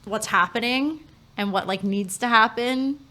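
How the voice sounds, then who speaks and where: A woman's voice: fairly high pitch, measured pace. A young woman co-hosting a podcast, chatting casually and telling stories expressively. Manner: expressive, animated storytelling. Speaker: podcast co-host. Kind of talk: casual chat.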